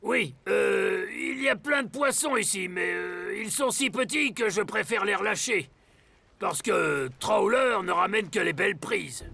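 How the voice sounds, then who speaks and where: A man voicing a boastful, mean, grumpy old fisherman in a French children's cartoon, gloating and shouting with a gravelly voice. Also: high voice, animated, a little slow, heavily acted. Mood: smug. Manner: gloating, shouting, speaks of himself grandly.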